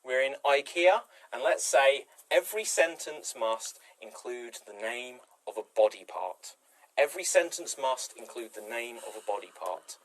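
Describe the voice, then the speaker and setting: A man's voice: mid-range voice, expressive, moderate pace, rough recording. A man casually hosting a comedic improv game show and explaining the games.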